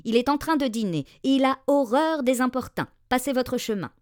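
A woman's voice: high-pitched, expressive, a little fast, dry recording, clean studio sound, pitched above the performer's own voice. A woman voicing a coarse, brutal manservant who turns a beggar away. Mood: brusque. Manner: brusque. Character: coarse, brutal male servant.

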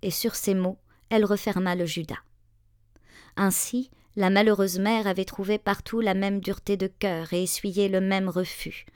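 A woman reads a storybook tale aloud, measured and expressive. Her voice sits in a natural middle register and sounds close and dry. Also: mid-range voice, clean tone, no echo. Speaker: narrator. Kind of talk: storybook reading.

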